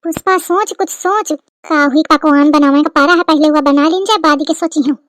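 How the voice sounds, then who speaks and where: A woman's voice: high voice, no room sound, studio quality, natural voice. A woman voicing a young scheming village daughter-in-law in a cartoon comedy, chattering in dialect. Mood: plotting. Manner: brisk rustic dialect chatter.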